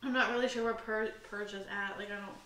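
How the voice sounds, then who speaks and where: Young woman podcast co-host, rambling and self-deprecating, bright tone, echoey room, faint hiss. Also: medium pitch, fairly even intonation, fast talker. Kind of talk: casual chat. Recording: roomy, slightly distant mic with faint hiss.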